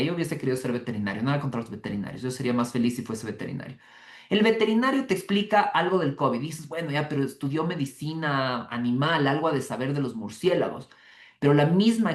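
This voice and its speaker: Lively, chatty male lecturer. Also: on the high side. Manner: lively, conversational, asks the audience rhetorical questions. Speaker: criminal law lecturer. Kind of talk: online lecture. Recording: echoey room.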